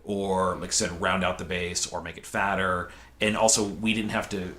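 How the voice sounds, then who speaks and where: A man with a lowish voice talks through audio mastering, filling his explanations with "like" and "you know." His tone is chatty and technical, and a faint hiss sits under the voice. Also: flat delivery, normal speed, bright, forceful tone. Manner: technical, explains step by step with many fillers. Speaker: mastering engineer guest. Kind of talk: casual podcast chat.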